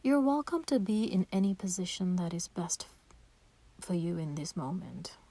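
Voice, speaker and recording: Leading a meditation, a woman uses a soft, breathy voice pitched fairly low, warm, relaxed and dark without any sharpness. She offers slow, gentle, soothing instructions and pauses between phrases.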